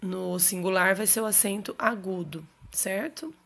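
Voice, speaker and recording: Woman, teacher, recorded lesson, clear explanatory delivery, frequent check-ins. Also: medium pitch, steady tone, measured pace, fairly bright tone. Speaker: Portuguese teacher. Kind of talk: recorded online grammar lesson.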